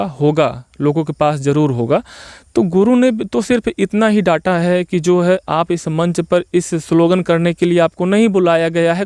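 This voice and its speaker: A man giving spoken opinion commentary as a video host, arguing his case point by point and pausing often on repeated filler phrases. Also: on the high side, a little mellow, clean tone, no room sound, clean studio sound. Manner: argumentative, explains point by point.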